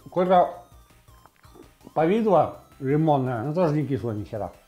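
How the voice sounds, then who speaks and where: A man in his forties hosting a casual tasting video in a home kitchen on a clip-on mic, thinking aloud in a halting way. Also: fairly high pitch, lively intonation, muffled recording, soft background music. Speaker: host of a food tasting video. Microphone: lavalier clipped to T-shirt.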